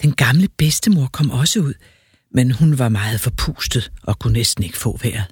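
A man reading a fairy tale aloud with a lively, expressive storyteller delivery. His voice is very breathy, and the recording is close and dry. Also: medium pitch, no room sound.

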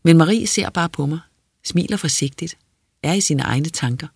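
A quiet, measured audiobook narrator reading first-person prose in an introspective tone. The voice is somewhat husky, close and dry, with a middle pitch. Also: expressive, no room sound.

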